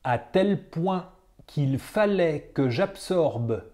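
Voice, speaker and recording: A teacher giving a dictation at an extremely slow pace, with every phrase said several times over and the punctuation marks spoken aloud. The voice is dark and mellow, with a middle pitch. The delivery stays measured and deliberate throughout. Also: lively intonation.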